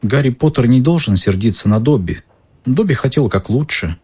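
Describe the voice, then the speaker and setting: A man voicing a timid, anxious male house-elf who pleads and keeps saying sir, with a husky voice. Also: mid-range voice, lively intonation, normal speed, dark tone, pitched above the performer's own voice. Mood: pleading. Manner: pleading, calls the listener sir.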